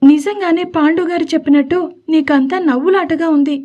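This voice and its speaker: A woman's voice: high voice, fairly quick, warm tone, highs cut off, voice pushed up, close to an everyday voice. A woman voicing a sulky young wife. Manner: pouting, scolding.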